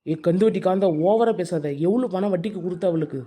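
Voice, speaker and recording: A bold, protective village woman from a Tamil cartoon, voiced by a woman. Her voice is mellow and mid-pitched, and she talks quickly. She has a Tamil accent and a blunt, defiant manner. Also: close to an everyday voice.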